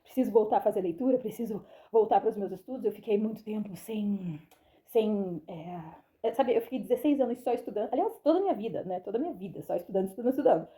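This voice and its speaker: A woman's voice: medium pitch, lively intonation, fast. A woman talking casually in a devotional vlog, chatty and earnest, acting out quoted speech as she reflects. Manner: warm and earnest about faith and plants. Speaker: devotional vlogger.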